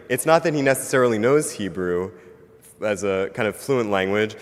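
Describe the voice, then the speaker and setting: A man giving an academic conference presentation, hedging often with fillers like "um" and "kind of". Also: lowish voice. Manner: hedging, filler-heavy delivery. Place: university lecture hall. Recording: lecture hall reverb.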